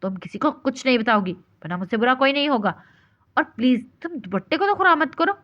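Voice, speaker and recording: A woman voicing a short-tempered young husband who threatens and scolds gruffly. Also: extremely high pitch, lively intonation, a little fast. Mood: angry scolding. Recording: dull lo-fi recording.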